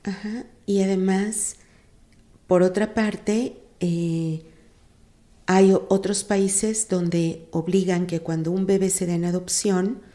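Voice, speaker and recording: A Mexican woman, a psychologist and institute director, giving measured explanations in an interview. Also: medium pitch, steady tone, mellow.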